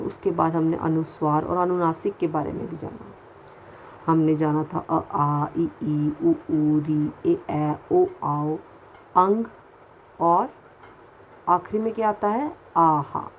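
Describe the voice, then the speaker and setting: A Hindi teacher with a low, slightly mellow voice teaches a first-grade lesson to children, patiently repeating sounds and asking questions along the way. The audio is poor, with a little hiss or hum.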